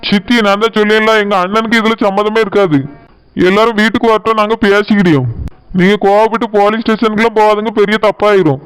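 A mild, peacemaking young village man from a cartoon, voiced by a man, speaking in a Tirunelveli accent with a high, smooth, clear voice. He talks fast and soothingly, trying to calm everyone down. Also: low-quality recording. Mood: placating. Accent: Tirunelveli Tamil. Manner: soothing, placating. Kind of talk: cartoon voice acting.

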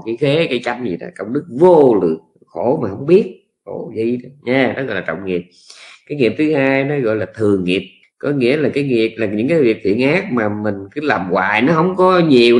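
A man with a Southern Vietnamese accent giving a Buddhist dharma talk as a monk, speaking in a folksy way with lots of repetition and drawn-out phrases. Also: medium pitch.

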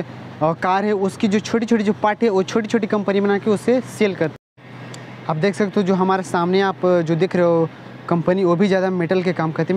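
A man's voice: sits high, a little mellow. A young man casually explaining things in a vlog, hesitant and full of fillers, recorded on a phone on a rooftop outdoors. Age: young adult. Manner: hesitant, many fillers and restarts. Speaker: vlogger. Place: rooftop outdoors over an industrial area. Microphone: phone camera held close. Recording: outdoor phone recording with faint street noise.

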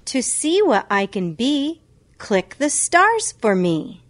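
A woman's voice: on the high side, big pitch swings, takes it slowly, no echo, clean studio sound. A woman reading scripted instructions as narrator of a children's reading game, with careful phrasing. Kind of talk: scripted read-along instruction.

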